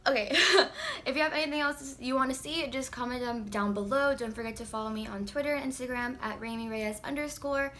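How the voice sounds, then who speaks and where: A woman's voice: fairly high pitch, a bit bright, a little hiss or hum. A young woman talking through a casual makeup tutorial in a chatty, rambling way, filling her sentences with "like". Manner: chatty, rambling, heavy use of "like". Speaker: beauty vlogger.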